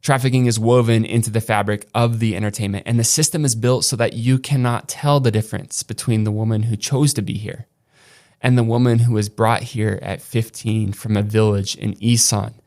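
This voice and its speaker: A man hosting a podcast, narrating a documentary script in a measured, earnest and emphatic way. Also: fairly low pitch, steady tone, a little mellow. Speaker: podcast host. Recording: narration over clear music.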